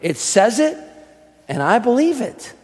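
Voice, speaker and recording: A pastor with a strikingly high-pitched voice preaches a fervent sermon to his church. He teaches in a calm, quick voice, then slows down and shouts his key lines. His voice rings with a long reverb from the hall. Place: church sanctuary.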